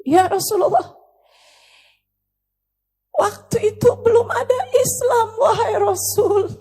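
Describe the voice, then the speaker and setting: A woman's voice: very high-pitched, very animated, moderate pace, dark tone. A woman voicing a grief-stricken man tearfully confessing a crime he cannot forgive himself for, within a sermon story. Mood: anguished.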